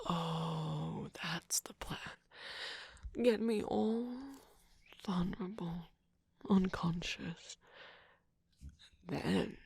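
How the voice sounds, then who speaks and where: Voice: medium pitch, gravelly, breathy edge, no echo, clean studio sound, exaggerated voice. Someone voicing Shadow Milk Cookie, sly whispering trickster. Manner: teasing, sarcastic, soft whispering with sudden laughs. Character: sly mocking male cookie trickster, manipulative. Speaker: ASMR roleplay performer. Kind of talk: ASMR roleplay.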